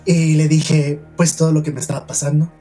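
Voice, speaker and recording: A man with a Mexican accent, a podcast host from San Luis Potosí telling a personal paranormal story in an earnest, hushed way with many fillers. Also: on the high side, flat delivery, fairly quick, faint music behind.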